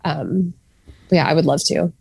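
A woman's voice: sits low, normal speed, gravelly, a little mellow, breathy edge, no echo. A woman co-hosting a podcast in casual chat, talking loosely with lots of fillers and frequent laughs. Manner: chatty, laughs often, many fillers. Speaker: podcast co-host.

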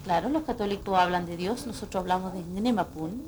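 A woman's voice: lowish voice, brisk, heavy background noise. A woman, a guest singer in a radio interview, explaining in a reflective way and often checking in with the listener. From Chile. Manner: explanatory, reflective, frequent "¿no?" tags.

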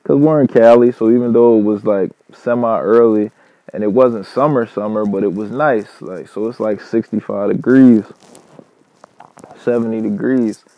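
A fairly low-pitched man spins a casual personal story about life as a truck driver, loose and full of cursing and fillers. The recording is dull and lo-fi, with a dry, close sound and no room echo. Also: moderate pace. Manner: loose, profanity-heavy, filler-laden talk.

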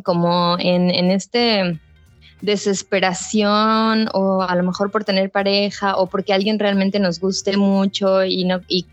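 A woman's voice: medium pitch, no room sound. A woman co-hosting a podcast, thinking aloud in casual chat. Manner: thinks aloud with many fillers and restarts. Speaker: podcast co-host. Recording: dry, slightly muffled sound.

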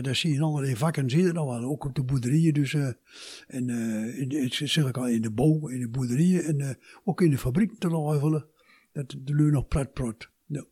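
Husky older man with a Twente accent. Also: a little high, warm tone. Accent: Twente Dutch. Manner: halting, repeats words while searching for phrasing. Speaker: interviewee. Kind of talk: conversational interview.

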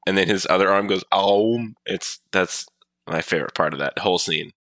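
A man's voice: low voice, fairly quick, bright, forceful tone, dry recording, studio quality. A man co-hosting a podcast, bantering casually in natural, unscripted talk. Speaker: podcast co-host.

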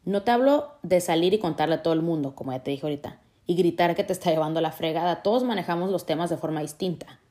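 Mexican woman, vlogger, low warm voice, chatty and expressive with quotes. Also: fast, hardly any pauses. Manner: chatty, acts out quoted thoughts in a lively way. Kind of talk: casual talk to camera about emotions.

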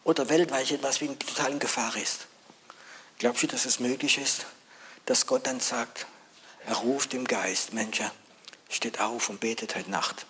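Preacher swinging from hush to urgent calls. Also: male voice, mid-range voice, slight background noise. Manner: swings between hushed near-whispers and loud urgent calls; asks the audience questions. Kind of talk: sermon.

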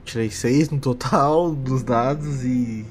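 A man with a Brazilian accent speaks slowly at medium pitch while playing a tabletop RPG, improvising casually in colloquial, repetitive phrases. Faint music plays in the background.

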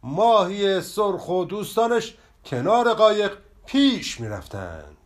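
Male storyteller, children's tale, high and very animated.

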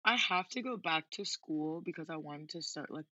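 Bright-voiced young woman, slightly muffled. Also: sits low, normal speed, no echo. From Queens, New York, United States. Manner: informal, frequent "like" as filler. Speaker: podcast guest, activist. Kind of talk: casual interview chat.

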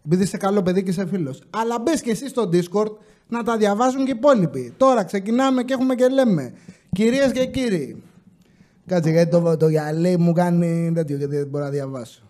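A man's voice: high-pitched, animated, a little mellow. A man hosting a casual podcast, joking around and reading listeners' stories aloud. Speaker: podcast host.

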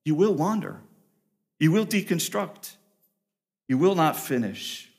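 Man preaching earnestly, loud then hushed. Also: animated, slow pace, creaky. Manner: earnest preaching, swings between loud emphatic peaks and quiet low passages; repeats and restarts phrases while building a point. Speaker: pastor. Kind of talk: sermon.

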